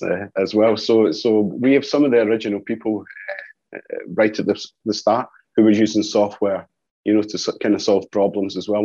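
This man's husky, low, darkish voice carries a Scottish accent as he takes part in a casual business interview. An executive joining by video call from his office, he keeps falling back on "you know" and "as well" as verbal tics, all heard through muffled, roomy audio.

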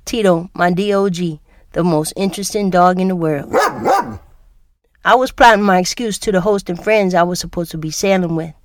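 A woman hosting her podcast, telling a personal story in a relaxed, chatty way while congested from a cold. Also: on the low side, moderate pace. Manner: relaxed, chatty, laughs easily. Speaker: podcast host.

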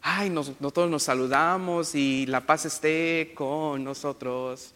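High, bright-voiced priest with a playful homily. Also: male voice, fairly even intonation, slow pace. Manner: playful, jokey asides and self-corrections; imitates other people's accents. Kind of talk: Sunday homily. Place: church. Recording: long church reverb.

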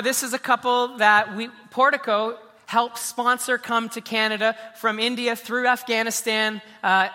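Bright-voiced pastor in a reverberant hall. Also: male voice, sits high. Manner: earnest, repeats words when starting a phrase. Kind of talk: church stage talk and interview.

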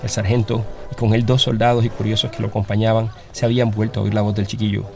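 A man reading a story aloud as narrator, in a steady, dramatic storytelling manner. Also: lowish voice, quick pace, creaky, faint music behind.

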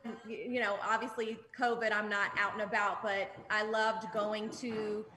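Upbeat woman with a bright voice. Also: medium pitch, flat delivery, a little slow, echoey room, rough recording. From Jordan. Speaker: music industry guest. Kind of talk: casual interview. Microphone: video call.

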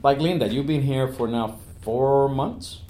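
A man, speaking as an Army command sergeant major guest in an upbeat, animated podcast interview. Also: medium pitch, a little hiss or hum. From Puerto Rico. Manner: upbeat, animated, speeds up and slows down.

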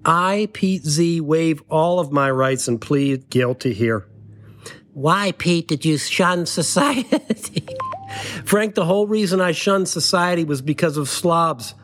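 Comedy podcast host, middle-aged man, slightly high voice, dry sarcastic satire delivered with mock gravity. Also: animated, measured pace, a bit bright. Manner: mock-serious, sarcastic, addressing a letter writer. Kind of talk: satirical monologue.

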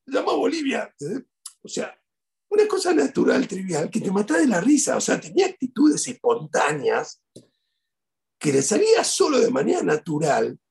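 Very raspy, gravelly Argentine rabbi. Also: male voice, high-pitched, moderate pace. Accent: Argentine Spanish. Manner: animated storytelling, repeats key phrases. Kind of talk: eulogy sermon.

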